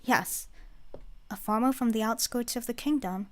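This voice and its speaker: A woman's voice: on the high side, normal speed, darkish tone. A woman reading fiction aloud as a narrator, in a dramatic scripted narration style.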